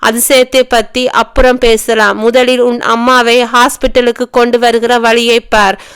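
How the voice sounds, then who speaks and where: A woman narrator voicing a calm, practical male doctor giving firm instructions. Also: a little high, unhurried, clear, resonant tone.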